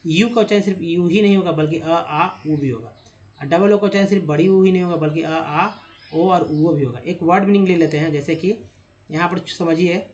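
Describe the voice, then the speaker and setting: Guy with a high voice going through english spelling slides, says each letter slowly, keeps asking you questions. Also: lo-fi sound. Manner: spells letters aloud and asks the viewer questions. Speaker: English teacher. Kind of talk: slide-based pronunciation lesson.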